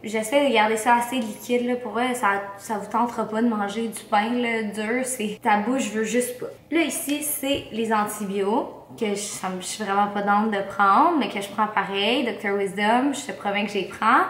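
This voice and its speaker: A woman's voice: medium pitch, normal speed, hardly any pauses. A young woman with a Québécois French accent chats casually in a slangy vlog style sprinkled with English words, her mouth swollen after wisdom teeth removal. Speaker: vlogger. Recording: roomy echo, faint background noise.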